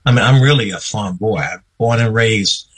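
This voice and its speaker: An older man, a guest on a radio interview, telling his life story slowly and reflectively. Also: on the low side, a bit bright, husky, poor audio. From North Carolina, US. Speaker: guest, veteran newsman.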